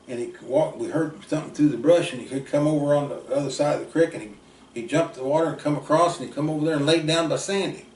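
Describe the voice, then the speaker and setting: A man, telling folksy stories in a rambling, casual way that trails off softly. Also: mid-range voice. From southeast Kansas. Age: 70s. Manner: folksy, drifting, trails off quietly at ends. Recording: roomy, distant mic, faint background noise.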